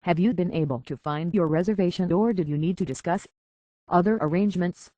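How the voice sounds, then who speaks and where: This man's voice sits high and mellow, moving a little fast, lightly acted, with dull audio and no room sound. He performs scripted dialogue for a video game robot butler and hotel concierge who is courteous and anxious. Speaking with a British accent, the character is prim, officious, formal, and fussily polite.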